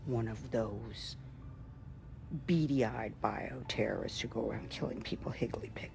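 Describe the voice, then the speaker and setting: Creaky, kindly older woman. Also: very deep voice, measured pace, exaggerated voice. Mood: gentle, reassuring. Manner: folksy, teasing, reassuring. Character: bedridden older woman, kindly, wry and stubborn elder. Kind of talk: video game cutscene acting.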